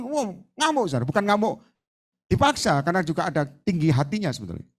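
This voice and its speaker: Animated high-voiced man preaching. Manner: emphatic, addresses the congregation as "saudara"; swings between loud exclamations and hushed storytelling. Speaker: evangelist preacher. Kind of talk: sermon.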